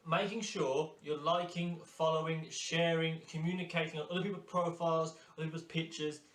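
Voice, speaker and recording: A man with a somewhat high voice delivers a motivational course lecture to hairdressers. He talks emphatically and drives points home by repeating phrases. The room around him is roomy and echoey. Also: fairly even intonation, a little fast, a bit bright. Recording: roomy echo.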